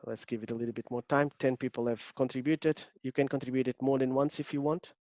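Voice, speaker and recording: A man's voice: medium pitch, steady tone, quick pace, darkish tone, no room sound, dull audio. A man from Portugal with a Portuguese accent, an agile coach giving an online workshop, hesitant with many fillers and restarts. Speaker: agile coach presenting a webinar. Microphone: video call.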